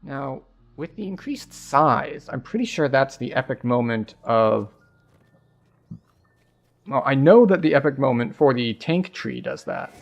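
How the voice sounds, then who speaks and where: Gravelly man commentating casually. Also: mid-range voice, animated, unhurried. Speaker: game streamer. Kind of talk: casual live gameplay commentary. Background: faint game music.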